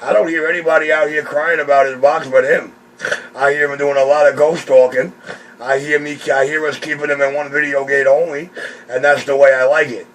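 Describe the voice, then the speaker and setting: A man's voice: on the high side, little pitch movement, brisk, a bit bright. A man talking over CB radio, mocking and complaining about another operator. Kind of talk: radio chatter. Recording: distant radio audio with faint hiss.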